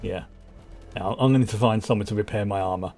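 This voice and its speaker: A man's voice: fairly low pitch, quick pace, darkish tone, soft background music. A man giving casual, chatty game commentary, thinking aloud as he plays. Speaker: gamer, host of a playthrough.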